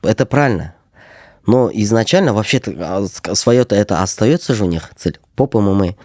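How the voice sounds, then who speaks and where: A man's voice: lowish voice, expressive, fairly quick, a little mellow, no room sound, studio quality. A man in casual sports talk, rambling and repeating himself as he makes his point. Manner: rambling, repetitive.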